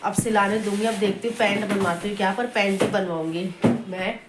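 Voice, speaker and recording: A woman's voice: medium pitch, steady tone, brisk. A young woman, chatting casually and at length in a home vlog, recorded on a phone with faint household noise. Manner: chatty, rambling, scolds a toddler between remarks. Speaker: vlogger.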